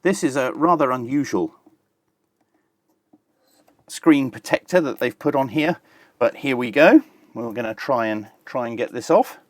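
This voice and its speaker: A product reviewer talks through a piece of kit in a casual, hands-on manner, explaining things plainly step by step with some dry humour. His average-pitched male voice has lively intonation, a measured pace and long pauses, and the recording is very dry with no room sound.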